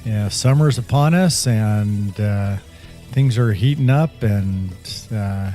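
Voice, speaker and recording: A man's voice: on the low side, slow, warm tone, faint music behind. Joking man hosting a podcast. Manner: joking, rambling with many fillers. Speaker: podcast host. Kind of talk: casual podcast banter.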